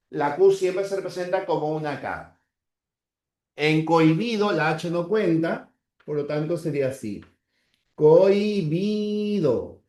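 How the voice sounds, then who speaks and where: A man lectures a class in a fairly high voice, slowly sounding out each example word and pausing to check that students follow. His voice carries a noticeable room echo, as if recorded in a classroom. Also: darkish tone. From Peru. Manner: slow, drawn-out spelling of example words; checks in with the class with short tags. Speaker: teacher.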